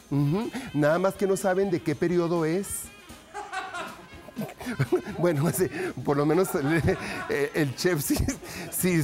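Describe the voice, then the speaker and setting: A man's voice: on the high side, darkish tone. A man doing goofy, giggly stand-up on a TV show and laughing at his own jokes. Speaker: comedian. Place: TV studio.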